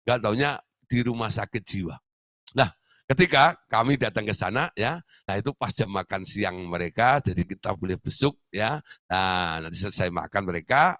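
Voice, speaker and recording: Lively, chatty male preacher. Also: on the low side, no room sound, clean studio sound. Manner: conversational storytelling, often laughing. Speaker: pastor. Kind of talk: sermon.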